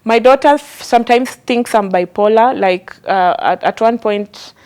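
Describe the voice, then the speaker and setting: A woman, a guest on a talk show, telling candid personal stories in an animated, chatty way full of fillers. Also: on the high side, measured pace, smooth.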